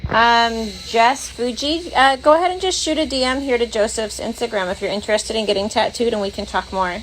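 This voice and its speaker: A woman's voice: a little high, fairly quick, fairly bright tone, a little hiss or hum, low-quality recording. Chatty, teasing young woman on a livestream. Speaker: livestream co-host reading chat. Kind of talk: casual livestream chat.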